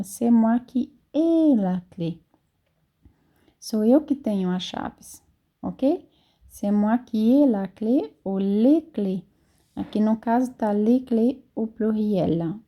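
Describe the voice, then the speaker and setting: A woman with a Brazilian Portuguese accent, a native Portuguese speaker, teaching French in a casual spoken lesson, patiently repeating example phrases slowly. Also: medium pitch, dark tone.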